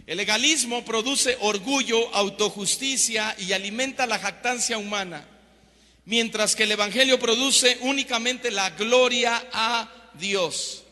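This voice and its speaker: A man preaching a sermon, emphatic, swinging between loud declarations and hushed asides. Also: extremely high pitch, a little slow. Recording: long hall reverb.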